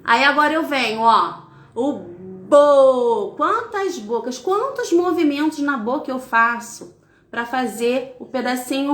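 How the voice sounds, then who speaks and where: A middle-aged woman with a Brazilian accent, a literacy teacher who patiently explains an activity step by step, sounding syllables out slowly. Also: on the high side, a bit bright, echoey room. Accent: Brazilian Portuguese. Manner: patient, explains step by step, frequent tag questions. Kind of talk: instructional demonstration.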